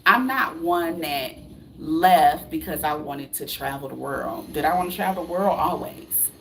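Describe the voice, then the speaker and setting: A woman vlogger in her late thirties, American, lectures the camera in a preachy, blunt motivational style, tossing out rhetorical questions and casual swearing. Her low, gravelly voice is fairly bright in tone and measured in pace, with a little hiss or hum behind it.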